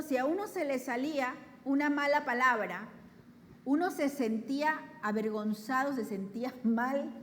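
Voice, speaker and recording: A woman with a Panamanian accent preaches in a conversational, storytelling way, often turning rhetorical questions toward the congregation. Her voice sits high. Her words ring with the long reverb of a church hall, over faint background noise. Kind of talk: conversational sermon. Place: church sanctuary.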